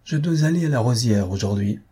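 A man reading aloud, voicing a gentle, quietly stubborn young countess with soft, reserved replies. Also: mid-range voice, expressive, a little fast, slightly rough.

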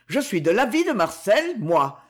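A solemn village man lays down the law in a firm, steady tone, as a storyteller puts him on. His delivery is commanding yet lively in pitch, in an audiobook telling. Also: measured pace. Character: solemn, resolute village man taking charge.

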